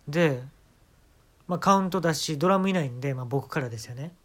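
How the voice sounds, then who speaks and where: A fast-talking man with a slightly high voice and a Kansai Japanese accent performs a funny monologue story, voicing sound effects and quoted lines as he goes.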